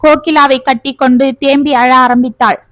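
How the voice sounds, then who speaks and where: A woman's voice: high-pitched, fairly even intonation, normal speed, a bit bright, no room sound, poor audio. A woman reading a family story aloud, narrating and voicing the relatives in turn. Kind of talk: family story read aloud with character voices.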